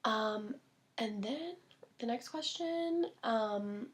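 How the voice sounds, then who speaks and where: A woman's voice: fairly high pitch, lively intonation, drawn-out words. Young woman, vlogger, casual chat to camera, gushing, chatty, fillers, slightly out of breath. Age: young adult. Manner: gushing, chatty, lots of fillers and little laughs. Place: at home, indoors.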